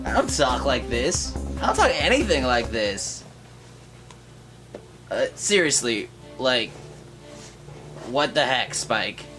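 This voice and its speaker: A man's voice: medium pitch, very animated, takes it slowly, long pauses, music in the background. A man voicing a cocky, brash tomboy pegasus girl who talks in a boastful, casual way.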